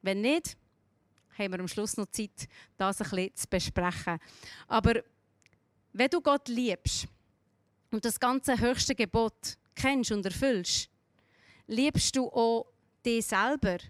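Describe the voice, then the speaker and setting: A woman with a Swiss German accent preaches in an earnest, storytelling way, turning to ask the listener direct questions. Her voice sits fairly high and the sound is dry and close, with no room around it. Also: slow pace, pauses often, dry recording. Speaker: speaker giving a devotional talk. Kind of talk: sermon.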